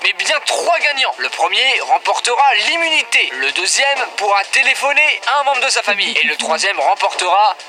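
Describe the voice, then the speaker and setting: A man's voice: sits high, sing-song, normal speed, hardly any pauses, sharp tone, heavily acted. A man voicing a reality show host in a mock-serious announcer tone. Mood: announcing. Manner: announcer-like, solemn parody.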